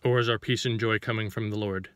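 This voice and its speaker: Man, informal preacher, low and bright-edged, dry close sound, questioning style. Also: steady tone, quick pace, dry recording. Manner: reads scripture then explains it, asking rhetorical questions; searching for words, with frequent restarts. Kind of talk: informal sermon to camera.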